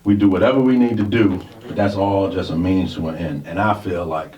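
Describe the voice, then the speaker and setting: He's a casual, relaxed radio talk show co-host in his forties, with a low, steady voice and a slightly quick pace. The highs are cut off, and the roomy studio recording carries faint hiss from a distant mic.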